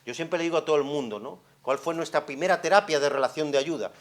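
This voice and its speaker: In a conference hall, a psychologist gives an expressive talk, swinging from hushed to loud and asking many rhetorical questions. He has a slightly high voice and speaks quickly.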